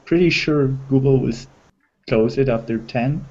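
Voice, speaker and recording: A man's voice: mid-range voice, normal speed, darkish tone. A man in a casual group video chat who makes dry, matter-of-fact remarks. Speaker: hangout participant. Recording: dull lo-fi call audio with faint noise.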